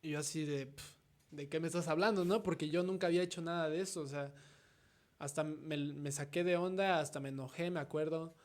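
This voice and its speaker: Mexican man with a slightly high voice. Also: steady tone, fairly quick. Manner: reflective, tags nearly every thought with a questioning "no?". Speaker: guest artist. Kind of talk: casual conversational interview.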